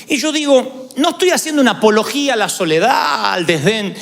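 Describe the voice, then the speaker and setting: A man pastor, preaching a sermon with animated, humorous storytelling and mimicked voices. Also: very high voice, fairly quick, gravelly.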